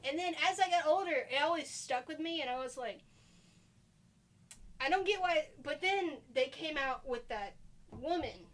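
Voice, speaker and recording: High-voiced young woman, animated chat. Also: normal speed. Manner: animated, rambling storyteller. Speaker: podcast host. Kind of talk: casual chat.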